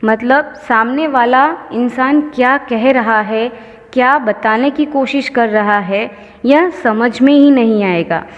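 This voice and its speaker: Slow, patient woman teaching grammar. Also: a little high. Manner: slow, patient, explains each example step by step. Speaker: school teacher. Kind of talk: grammar lesson explanation. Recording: lo-fi with long reverb.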